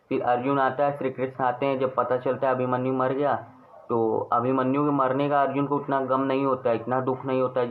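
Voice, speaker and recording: A man casually retelling an epic story, acting out the quoted lines with lively energy. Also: mid-range voice. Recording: tinny phone-like sound with faint ambient noise.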